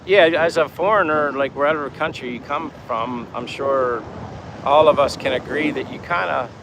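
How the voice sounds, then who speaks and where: Outdoors on a Philippine daytime livestream, a man reads viewer comments and rambles through easygoing talk amid noisy wind, traffic, and general outdoor sounds. His voice is a little high and he keeps a moderate pace.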